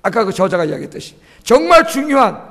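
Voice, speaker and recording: A man's voice: extremely high pitch, big pitch swings, fast, a bit bright. A male pastor preaching a sermon, often asking the congregation questions and urging them on with emphasis. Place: church sanctuary. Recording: long church hall reverb.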